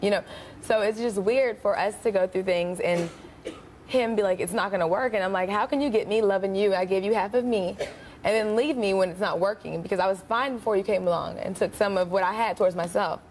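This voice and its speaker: A woman's voice: medium pitch, brisk, a little mellow, a little hiss or hum. Earnest young woman talk show guest. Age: 20s. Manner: earnest, confiding.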